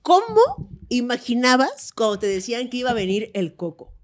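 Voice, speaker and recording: Playful Mexican woman, high voice, swooping lively pitch, casual podcast banter. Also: normal speed. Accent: Mexican Spanish. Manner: playful, quizzing the others. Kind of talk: casual chat.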